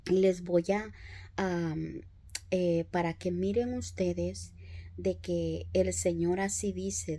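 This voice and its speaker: A woman telling her conversion story as a church testimony, in an unhurried, reflective way with frequent hesitations. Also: on the low side, warm tone, breathy edge. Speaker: preacher giving testimony. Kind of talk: personal testimony in a church talk.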